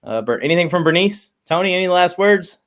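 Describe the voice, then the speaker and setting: A man co-hosting a live sports fan show, signing off in a relaxed, friendly way. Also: high-pitched, a little fast. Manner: relaxed, friendly sign-off banter. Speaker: podcast co-host. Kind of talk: casual live-stream sports chat.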